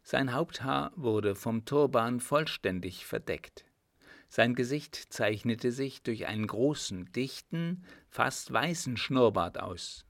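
A man narrating a novel in a measured, even reading. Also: medium pitch, creaky, no room sound, studio quality. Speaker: audiobook narrator. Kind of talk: scripted narration.

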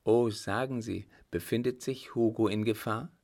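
A man voicing a timid, polite young woman who speaks softly and pleadingly, raised above his own low voice. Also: steady tone, moderate pace, natural voice. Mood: anxious, polite. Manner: soft, pleading, formal.

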